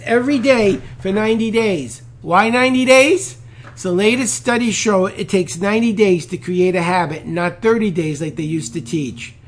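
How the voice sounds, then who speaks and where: High-voiced, enthusiastic male instructor. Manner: enthusiastic, counts out loud, calls for passion. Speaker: speed reading instructor. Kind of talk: energetic instructional talk leading an exercise.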